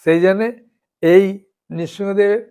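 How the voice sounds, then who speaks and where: A man, a monk preacher, giving a devotional sermon, often checking that his listeners understand and reciting names slowly one by one. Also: high voice, fairly even intonation, dark tone, smooth. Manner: keeps asking listeners "understood?".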